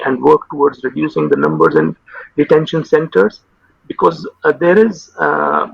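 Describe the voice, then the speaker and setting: A consultant psychiatrist, whose first language is Urdu, is interviewed over a video call from a home room with a window, using a webcam mic. His gravelly voice runs on the high side with a fairly bright tone, and he speaks haltingly with many fillers and repeated words. The audio is dull and lo-fi, with no room sound.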